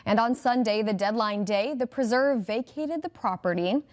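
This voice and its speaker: Woman news anchor, kinda high voice, brisk upbeat read. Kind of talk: scripted news reading.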